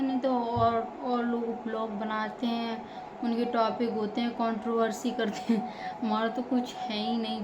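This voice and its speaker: A young woman vlogging casually from home, chatting with viewers and cooing at a baby in loud sing-song baby talk. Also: medium pitch, echoey room, background noise. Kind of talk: casual home vlog chat.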